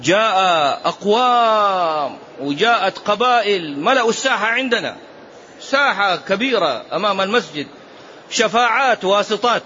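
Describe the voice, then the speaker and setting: A man teaching a religious lesson as a sheikh, telling stories and urging his listeners with animated exhortations. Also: sits high, normal speed. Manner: animated storytelling with urgent exhortations. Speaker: sheikh teaching a hadith book. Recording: dull lo-fi recording, faint hiss.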